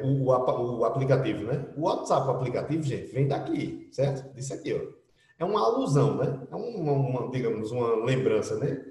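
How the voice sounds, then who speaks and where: A man's voice: mid-range voice, warm tone. A middle-aged man with a Brazilian Portuguese accent, teaching an English class online in a chatty, explaining way full of tag questions. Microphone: computer mic in an online class. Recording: roomy echo, speaking from a distance.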